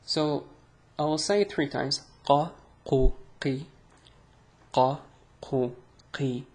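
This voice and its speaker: This young man, a native Arabic speaker with an Arabic accent, teaches pronunciation in a casual online lesson, slow, chatty and self-deprecating, drawing out his sounds. His mid-range voice holds a steady tone and has a slightly mellow quality.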